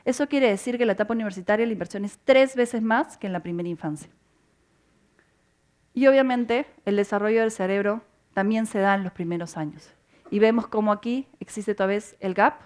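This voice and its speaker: A woman's voice: medium pitch, a little fast, a little mellow. Woman presenting slides at a conference. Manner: explanatory, rhetorical questions, some restarts. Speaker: conference speaker. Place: conference hall.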